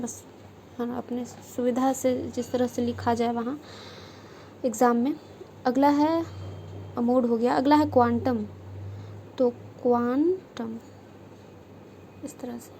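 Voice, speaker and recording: High-voiced woman teaching shorthand real slow, says each word twice or thrice. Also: creaky, dark tone, slight background noise, low-quality recording. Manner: slow, repeats each word while demonstrating. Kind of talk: instructional lesson.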